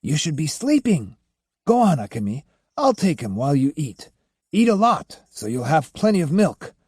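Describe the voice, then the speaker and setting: A man voicing a humble young man, earnest and gentle, in an audiobook. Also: fairly high pitch, big pitch swings, moderate pace, slightly rough, no room sound, clean studio sound. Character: humble young man, reformed former braggart. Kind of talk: audiobook character voice.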